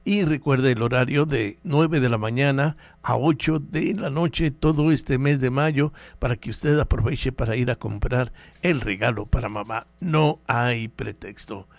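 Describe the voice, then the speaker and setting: A man's voice: mid-range voice, measured pace, creaky, dry recording. A man, a radio host ad-libbing a sponsor message in a conversational way. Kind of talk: ad-libbed live sponsor read.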